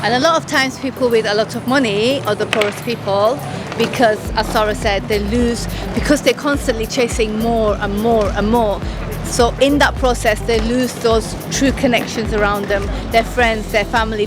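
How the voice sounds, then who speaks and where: A woman's voice: on the high side, fairly even intonation, normal speed, over music. A woman originally from Pakistan giving an articulate, reasoned answer in a street interview. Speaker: passer-by.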